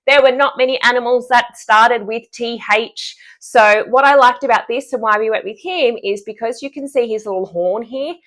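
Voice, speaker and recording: A woman's voice: fairly high pitch, normal speed, few pauses, a bit bright. A woman speech-language pathologist explaining animal sound cues for children's speech therapy in an upbeat way, showing the sounds as she goes. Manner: upbeat, demonstrates sounds and gestures.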